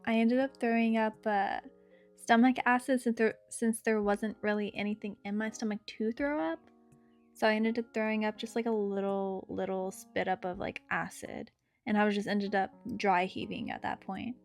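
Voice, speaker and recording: A young adult woman tells a story from her own life in a casual, chatty, conversational way, with guitar music playing behind her. Her voice is medium in pitch, steady in tone, and paced at normal speed.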